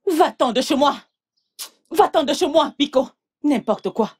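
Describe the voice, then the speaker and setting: A woman's voice: high voice, animated, a little slow. A woman voicing a domineering, scornful mother in a French film dub, mocking and scolding. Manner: mocking and scolding, then hushed and coaxing. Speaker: mother of the bride.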